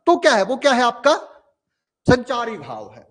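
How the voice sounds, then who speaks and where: A man with a high voice teaches a live online class. He talks through everyday examples, drops into a lower voice to act out little inner dialogues, and keeps pausing to check that students follow. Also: wildly swooping pitch, a bit bright. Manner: explains with everyday examples, keeps asking "ठीक है?". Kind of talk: online exam-prep lecture.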